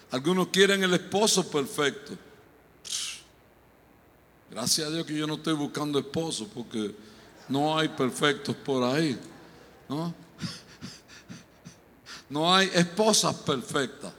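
A man preaching a humorous sermon, joking and animated, building up to loud exhortation. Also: fairly high pitch, slow pace, long pauses, slight background noise. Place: church sanctuary. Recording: long hall reverb.

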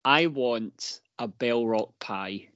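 A man's voice: mid-range voice, slow, a bit bright, dry recording. A man on a football fan podcast, telling rambling, self-mocking stories in casual chat. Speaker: podcast panelist. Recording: dry, dull lo-fi podcast audio.

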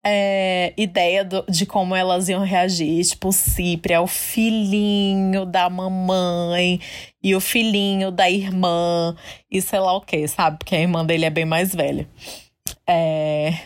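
Animated young woman telling a story. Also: lowish voice, unhurried. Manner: animated storytelling, acting out family members' voices, laughs often. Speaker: podcast co-host. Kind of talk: casual chat.

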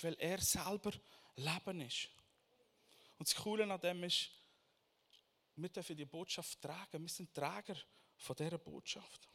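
Bright-voiced preacher in his thirties. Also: high voice. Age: 30s. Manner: swings between quiet reflection and loud emphatic questions. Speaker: pastor. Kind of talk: sermon.

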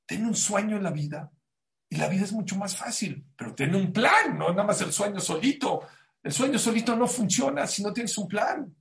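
A man giving a Torah class as a sermon, animated and preacherly, rising to loud emphatic bursts. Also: sits high, normal speed, vocal fry.

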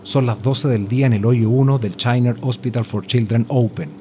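A man's voice: medium pitch, normal speed, dark tone, slight background noise. A man reading a scripted journalistic story as narrator. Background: music.

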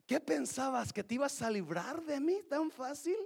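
A man's voice: very high voice, expressive, moderate pace, vocal fry, voice pushed up, heavily acted. Man putting on a shrieking vengeful ex-girlfriend. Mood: accusing. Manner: shouting, taunting. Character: bitter jilted ex-girlfriend, mocking and vengeful.

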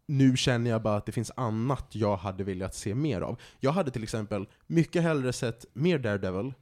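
A man co-hosting a casual podcast chat about films, opinionated and given to quick bursts and restarts. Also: mid-range voice, expressive, a little mellow. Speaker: podcast co-host.

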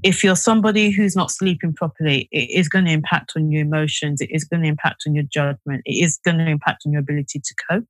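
A woman's voice: low voice, fairly even intonation, fast, few pauses, no room sound, rough recording. A woman psychiatrist from the UK, a podcast guest giving advice, explaining in a chatty way with many fillers and restarts. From United Kingdom. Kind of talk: podcast interview.

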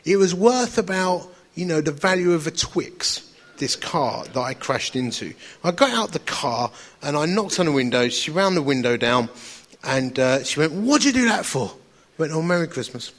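An audience hears a man from Essex, England, with an Essex accent give an anecdotal sermon, told in a wry, chatty, self-deprecating manner. He speaks on the high side at normal speed, with lively intonation.

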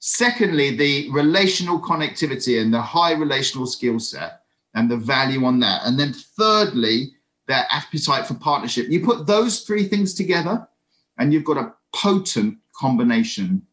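A man giving a lively, conversational sermon over an online video call, with friendly asides to his listeners. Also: medium pitch, normal speed. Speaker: preacher.

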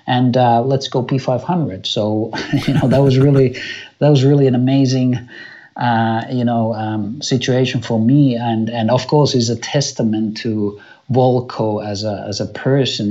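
A man, chatting as an interview guest about a game he designed. His voice is dark and mellow, and he rambles along with frequent restarts and filler words. The audio is a little dull and lo-fi. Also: mid-range voice. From Finland. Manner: rambling, many restarts and "you know" fillers. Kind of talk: casual interview chat. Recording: slightly muffled lo-fi audio.

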